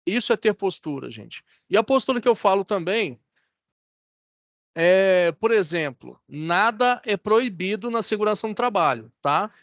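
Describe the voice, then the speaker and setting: Brazilian male instructor, high voice, dry close mic, chatty online lecture with frequent check-ins. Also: lively intonation, a little slow, fairly bright tone, no room sound, dull audio. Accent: Brazilian Portuguese. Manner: conversational, checks in with students often. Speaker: course instructor. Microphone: video call.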